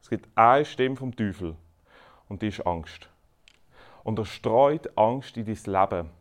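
A man preaching a sermon, swinging between loud emphatic lines and quiet earnest asides. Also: fairly low pitch, animated, a little slow.

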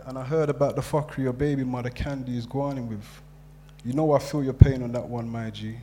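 A man's voice: mid-range voice, warm tone, slight background noise, lightly acted. A man voicing a streetwise young friend just out of jail, talking in loose, slangy London banter with a swagger. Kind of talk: dramatic reading of letters.

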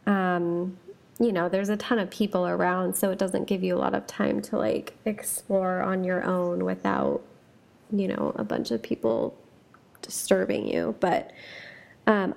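A woman's voice: medium pitch, creaky, darkish tone. A woman hosting a chatty podcast, talking casually with lots of fillers and asides and reading ghost stories aloud. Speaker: podcast host.

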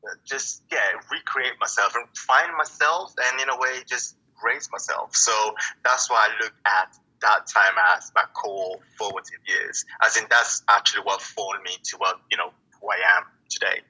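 Brief: male poet guest from Italy, bright raspy tone, reflective and halting, lo-fi call sound. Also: on the low side, fairly even intonation. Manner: reflective, halting, many restarts and fillers. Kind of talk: casual interview talk.

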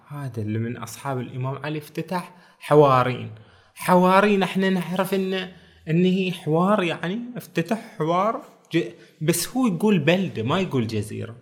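A man with a Bahraini Arabic accent talking casually through a book, reading verses slowly and adding joking asides. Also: a little high, fairly bright tone. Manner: chatty, quotes verses slowly, jokes aside. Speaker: book reviewer. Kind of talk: casual spoken book talk.

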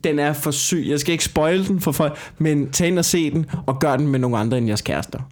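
Young man, casual podcast chat, fairly high voice, curses freely, animated storyteller. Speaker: podcast co-host.

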